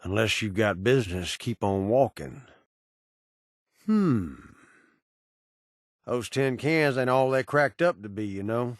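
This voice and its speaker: An actor playing a cynical, menacing ghoul bounty broker in a video game, with an American Southern accent and a sardonic drawl full of cowboy slang. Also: male voice, medium pitch, lively intonation, slow, pauses often, no room sound, studio quality. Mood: wry, sardonic. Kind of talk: video game character dialogue.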